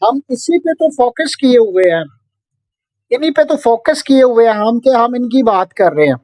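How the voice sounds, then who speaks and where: A man's voice: very high-pitched, animated, normal speed, a little mellow, no room sound. A man with a Pakistani Urdu accent teaching an online Bible and Hebrew lesson over a video call, patiently checking in with his students. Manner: patient, often checking in with "okay?".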